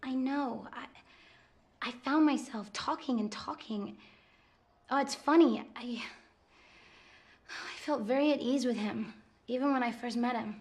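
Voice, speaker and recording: An actress playing a pampered, romantic young woman who talks in a soft, earnest, confiding way. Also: fairly high pitch, unhurried, pauses often. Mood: dreamy. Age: young adult. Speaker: actor in a film scene. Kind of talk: naturalistic film acting.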